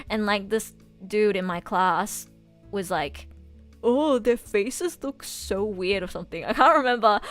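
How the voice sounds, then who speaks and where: A woman's voice: fairly high pitch, fairly bright tone. A young adult woman chatting casually to livestream viewers in bubbly anime-fan slang, speaking while recovering from oral surgery with stitches in her mouth. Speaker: livestreamer and voice actor. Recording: music playing behind the voice. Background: music.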